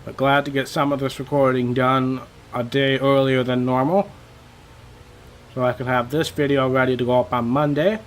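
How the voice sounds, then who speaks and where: A young man giving casual, rambling commentary over his racing game, a little hoarse and self-deprecating, with many fillers. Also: mid-range voice, steady tone, normal speed, slight background noise. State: slightly losing his voice. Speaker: gaming channel host.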